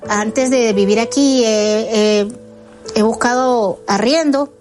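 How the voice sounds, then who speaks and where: A woman with a Venezuelan accent gives earnest testimony in a high voice, pausing and hesitating at times. Clear music plays behind her. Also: darkish tone. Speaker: interviewee. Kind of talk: personal testimony. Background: background music.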